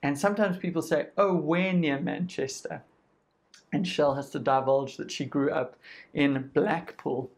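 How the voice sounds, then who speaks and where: Speaking at a measured pace in a steady tone, a South African-accented preacher with a slightly high voice gives a sermon in a conversational manner. He voices other people's words and works through lists.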